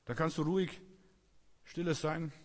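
A man's voice: on the high side, steady tone, moderate pace. A man preaching a sermon with emphatic repetition, sometimes acting out complaining voices. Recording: long hall reverb.

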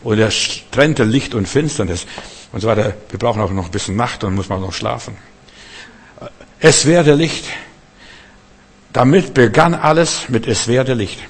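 A man preaching a sermon, swinging between loud proclamations and quiet, conversational asides. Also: on the low side, expressive, fairly quick, husky. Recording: long hall reverb.

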